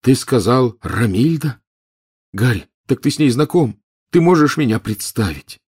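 A male narrator plays a lovestruck, hot-headed teenage boy wizard in a storybook reading. He moves between a hushed, dreamy murmur and loud outbursts, set apart from the plain narration. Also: low-pitched, fairly even intonation, unhurried, breathy edge. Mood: eager. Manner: dreamy and hushed, then shouting.

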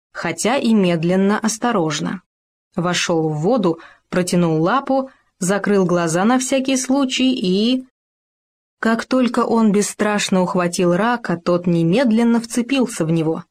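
A woman giving expressive, playful narration of a children's story. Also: medium pitch. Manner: lively, playful, animated reading.

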